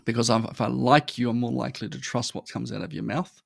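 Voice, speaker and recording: In a casual podcast interview, this male guest speaks fast and with emphasis, frequently checking in with a quick "right?" His medium-pitched voice has vocal fry and fairly even intonation, and the clean studio recording has no echo.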